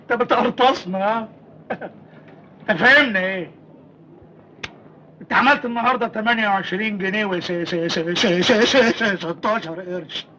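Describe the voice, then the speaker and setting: An actor with an Egyptian accent playing a mocking gang member who stammers while counting money. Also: male voice, high voice, normal speed, pauses often, bright, forceful tone, slight background noise, rough recording.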